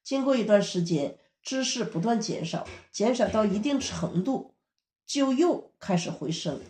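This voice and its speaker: A woman teaching a sermon in a steady, explanatory manner. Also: mid-range voice, a little slow, echoey room. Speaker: preacher.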